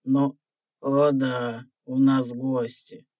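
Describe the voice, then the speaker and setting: An actor playing a wry, ancient dragon in an audio fairy tale, speaking with drawling, mock-courteous manners. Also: male voice, medium pitch, flat delivery, extremely slow, a little mellow, no room sound. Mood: welcoming.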